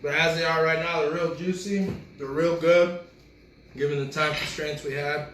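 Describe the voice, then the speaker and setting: A man's voice: a little high, normal speed, roomy sound, a little hiss or hum, poor audio. Chatty man hosting a home cooking show. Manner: talks while chewing, relaxed and chatty. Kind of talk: casual cooking video chat.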